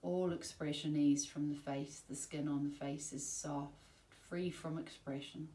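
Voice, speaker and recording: In a reverberant room caught on a far-off mic with faint noise, a woman with a low voice guides yoga nidra. She gives steady, soothing relaxation cues and leaves long silences between them.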